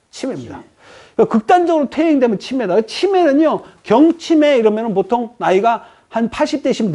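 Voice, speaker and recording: A middle-aged man delivers a professor's lecture to a class in a voice that sits high. He is animated, asking the room questions and acting out little quoted voices.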